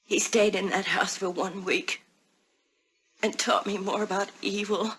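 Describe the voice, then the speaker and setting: Brief: a tormented woman baring her past. Breathy, sharp-edged tone. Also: mid-range voice, fairly even intonation, a little slow, low-quality recording. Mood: whispered. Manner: hushed, intense whispering turning fervent. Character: haunted woman confessing a dark girlhood secret.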